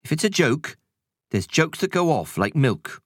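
A man voicing a bustling, good-humoured middle-aged cleaning woman who fusses and is quick to take offence. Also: fairly high pitch, sing-song, dry recording, studio quality, voice pushed up. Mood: wary. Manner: brisk, fussing, easily affronted.

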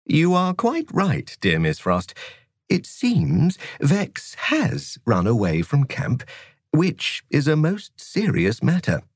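A man voicing a cheerful, calm and whimsical male teacher with a genteel, jolly manner. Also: fairly high pitch, slow pace, breathy edge, no echo, clean studio sound, voice pushed up, exaggerated voice.

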